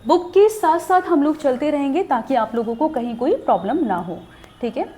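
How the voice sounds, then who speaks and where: Lively high-voiced woman teaching. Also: moderate pace, a little hiss or hum. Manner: patient, explanatory, repeats "theek hai". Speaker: shorthand teacher. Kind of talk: recorded lesson.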